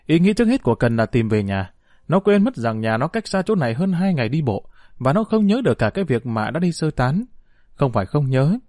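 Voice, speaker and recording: A man reading a story aloud as narrator, in an expressive storytelling manner. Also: medium pitch, no room sound, studio quality.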